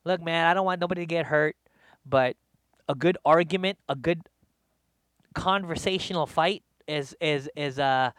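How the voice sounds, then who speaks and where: A male comedian hosting a live show, rambling in a slangy, animated rant from his studio. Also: on the high side, moderate pace, no echo. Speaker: comedian host. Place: home studio.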